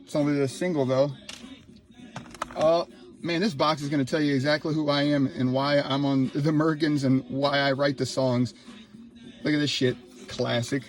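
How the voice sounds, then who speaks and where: A man in his thirties, from Ohio, filming a casual vlog in his laundry room on a handheld phone, excited and rambling. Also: a little high, moderate pace. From Ohio, USA. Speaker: YouTuber. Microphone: handheld phone, no tripod.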